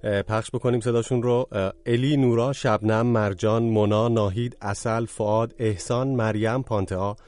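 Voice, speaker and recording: A man's voice: on the low side, fairly even intonation, hardly any pauses, a little mellow. A man co-hosting a radio show, chatting in a friendly, conversational way with frequent fillers. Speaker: radio co-host. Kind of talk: casual radio talk.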